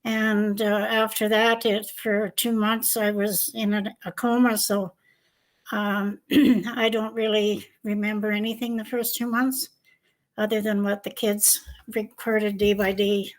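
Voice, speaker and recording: Interviewee: woman, 70s, flat and even delivery, hesitant. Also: medium pitch, unhurried. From Canada. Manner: hesitant, unsure memory. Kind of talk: recalling illness in an interview.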